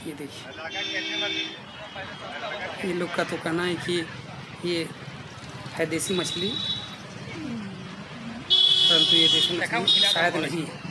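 A man's voice: fairly high pitch, steady tone. Man vlogging through a street market. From India. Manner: plain, unhurried tour-guide commentary, pointing things out. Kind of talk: casual walking vlog narration. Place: outdoor street fish market. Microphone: phone held at arm's length. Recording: outdoor street noise and traffic.

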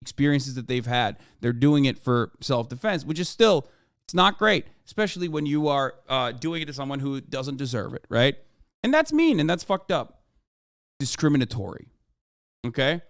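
With big swings in pitch from a mid-range base and a normal speaking speed, a man in his thirties gives profane, emphatic political lectures on his livestream. The close desk microphone in his small home room picks up no room sound.

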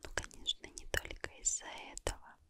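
A tired young woman chatting in a gentle, breathy whispered murmur, ASMR style, very close to a condenser microphone. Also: fairly quick. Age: young adult. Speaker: ASMR host. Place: small dim room, lying on a pillow. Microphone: large condenser mic very close to mouth.

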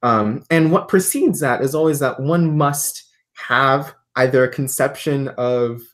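A woman's voice: rumbling low, a little slow. A woman guest on a livestream, explaining ideas thoughtfully with many fillers and restarts. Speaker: guest, artist and philosophy tutor. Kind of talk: livestream conversation.

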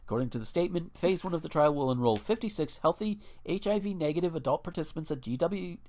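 Male podcast co-host, casual and profane, very animated pitch, reads articles aloud. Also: fast. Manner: blunt and profane, ranting with restarts.

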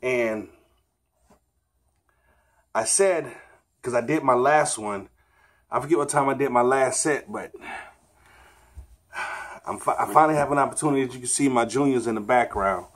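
Man, thirties, mid-pitched voice, casual vlog talk, small bedroom, camera mic. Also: normal speed, pauses often, a bit bright. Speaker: vlogger, father. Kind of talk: casual fitness challenge vlog. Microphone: camera on the floor a short distance away.

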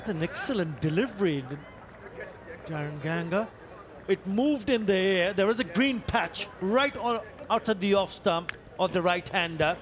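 High-voiced man analysing cricket deliveries. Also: a little slow, crowd noise. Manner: descriptive ball-by-ball analysis. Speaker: cricket commentator. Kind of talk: live sports commentary. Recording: loud music behind.

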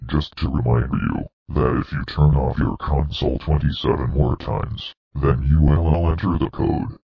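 A demonic evil dinosaur. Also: male voice, extremely low pitch, vocal fry, husky, full character voice. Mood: menacing. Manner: gloating, threatening, slow and deliberate. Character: demonic evil male purple dinosaur, menacing. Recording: dull muffled lo-fi audio.

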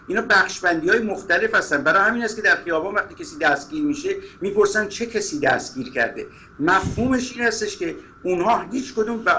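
A man appearing as a guest analyst on a talk show, giving measured political commentary with small hesitant fillers. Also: fairly high pitch, sharp tone, a little hiss or hum.

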